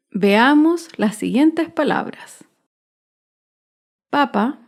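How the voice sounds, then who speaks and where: A woman teaching a basic grammar lesson, narrating slowly and carefully and stressing each syllable. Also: fairly high pitch, darkish tone. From Chile. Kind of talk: slow, clearly spelled-out grammar lesson narration.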